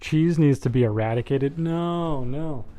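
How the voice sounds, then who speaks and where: A man's voice: a little high, unhurried, mellow. A young man hosting a live-streamed board game, chatting with his viewers in a joking, rambling way with plenty of fillers. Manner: chatty, joking, talks to chat, many fillers. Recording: music faintly behind the voice.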